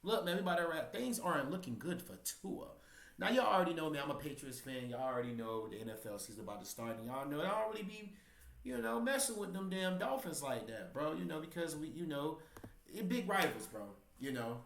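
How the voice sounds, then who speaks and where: A man's voice: fairly high pitch, animated, fairly quick, creaky, fairly bright tone. Rambling man in an echoey room. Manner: rambling, filler-heavy, stumbling. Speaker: reaction channel host. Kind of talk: casual reaction vlog. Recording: roomy echo.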